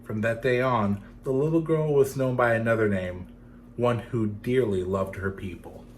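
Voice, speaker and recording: A man storyteller reading expressively for children, with dramatic, deliberate phrasing that addresses young listeners. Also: mid-range voice, a little hiss or hum. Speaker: storyteller for children's theatre series.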